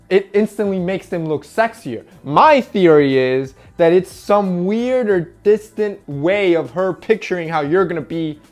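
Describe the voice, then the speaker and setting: A man hosting a casual advice vlog, talking directly to viewers in a coaching way over faint background music. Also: high voice. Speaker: men's style vlogger.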